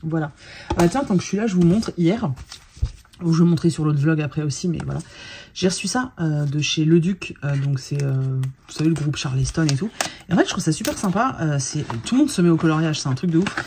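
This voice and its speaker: A woman's voice: deep voice, lively intonation, a little fast, mellow, slight background noise. A tired woman vlogging in a casual, chatty way, full of fillers and restarts. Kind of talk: casual chat.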